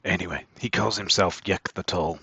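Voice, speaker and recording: Hushed goblin commoner played by the game master, low and bright-toned, secretive. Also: male voice, normal speed, vocal fry, husky, no echo, exaggerated voice. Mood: worried. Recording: dull lo-fi dry mic.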